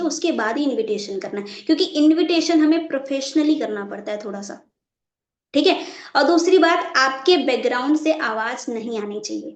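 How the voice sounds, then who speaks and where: High-voiced woman teaching a live online class. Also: echoey room. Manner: checks in often with the class, repeating points. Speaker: network marketing trainer. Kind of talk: live online training session.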